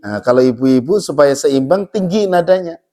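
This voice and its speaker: A male recitation teacher in a mosque. He switches between quick explanations and slow chanted verses, and he coaxes the congregation to chant along with him. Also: a little high, expressive, mellow. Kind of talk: teaching melodic Quran recitation.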